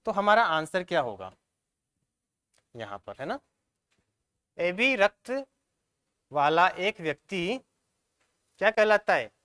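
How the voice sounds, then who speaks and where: Smooth-voiced man teaching exam science. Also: high voice, very animated, takes it slowly, pauses often, fairly bright tone. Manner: repeats questions and answers them himself, checks "clear?". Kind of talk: exam-prep science lesson.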